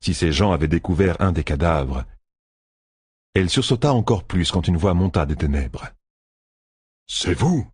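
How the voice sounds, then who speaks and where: A man narrating an audiobook with steady storytelling. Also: deep voice, normal speed, breathy edge, no room sound, studio quality.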